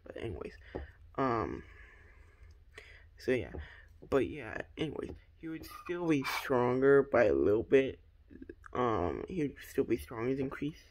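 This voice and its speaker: A young man talks through a fan theory in an unhurried, rambling way. His voice has a gravelly, fried texture at a middling pitch, and he keeps stopping to say um and to start his sentences over. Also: big pitch swings, darkish tone. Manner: hesitant, many ums and restarts.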